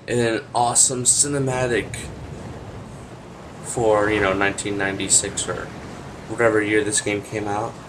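A man's voice: lowish voice, steady tone, normal speed, pauses often, noisy background. A young man giving casual gameplay commentary, sarcastic and joking, with the odd swear word. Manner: sarcastic, swearing, jokey asides. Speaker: let's play gamer.

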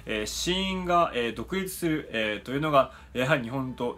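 A Japanese-speaking man walks through a pronunciation lesson with a bright, forceful voice. He pads his explanations with steady "eh" fillers and slows down to model each sound carefully. Faint guitar music sits behind him. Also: mid-range voice. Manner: frequent "eh" fillers, slow careful demonstrations. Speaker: pronunciation teacher.

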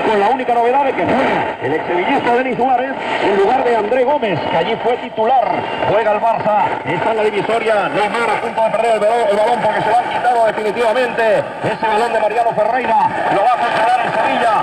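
High-pitched man on static-filled shortwave radio. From Spain. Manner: rapid, urgent play-by-play delivery. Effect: fading shortwave radio reception. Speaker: football play-by-play commentator. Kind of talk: live radio football commentary. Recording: shortwave broadcast buried in loud static.

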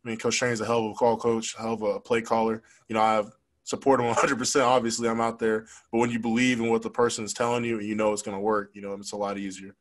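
A man's voice: fairly low pitch, flat delivery, low-quality recording. A young man, a college football player, answering reporters at a post-game press conference in a frank, conversational way, speaking into a desk microphone. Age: young adult. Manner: frank, fast, conversational with many fillers. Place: press room with logo backdrop. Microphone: desk microphone on stand.

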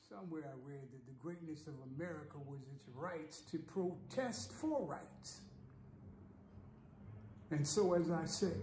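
Older male actor, playing an oratorical preacher, deliberate pace, echoey small room with faint hiss. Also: on the high side, darkish tone. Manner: slow, oratorical, rising and falling delivery. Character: impassioned male civil rights preacher. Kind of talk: dramatic speech performance. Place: small indoor room, tiled wall.

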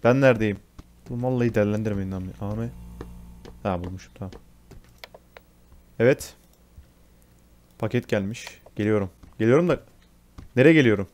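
A man's voice: lowish voice, normal speed, pauses often, a little mellow. A young man talking over a horror game as he plays it, cursing and then apologizing to his viewers. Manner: swears, then apologizes to viewers; panics and shrieks when scared. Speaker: gaming YouTuber. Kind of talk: let's play commentary.

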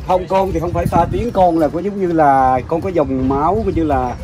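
A man's voice: on the high side, normal speed, noisy background. A man, an older family relative, chatting casually and explaining family background at length. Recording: crowd chatter around.

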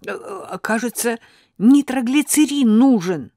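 A woman's voice: a little high, animated, unhurried, dry recording, studio quality, voice pushed up. Woman voicing a panicked young husband, barking. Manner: loud, urgent, barking.

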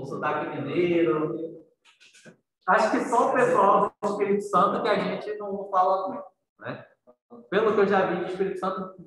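Heard through a distant mic in a very echoey room with a little hiss or hum, a male teacher with a high, fairly bright voice teaches an interactive writing class on accents. His style is conversational, he asks students questions, and he often says "né."

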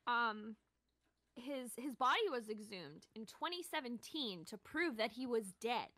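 A woman's voice: a little high, animated, measured pace, fairly bright tone, no echo. A woman co-hosting a podcast in casual chat, giggly and filled with "like"s. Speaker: podcast co-host.

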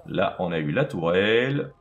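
A man's voice: low-pitched, lively intonation, moderate pace, highs cut off. A man casually commenting on his own video game play, chatting to himself and to the enemies on screen.

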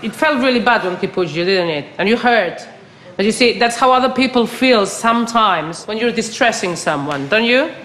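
A woman's voice: on the high side, expressive, moderate pace, fairly bright tone, a little hiss or hum. A woman directing a youth drama rehearsal in a theatre studio, explaining things patiently and firmly to the young performers. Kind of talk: instructing young cast at rehearsal.

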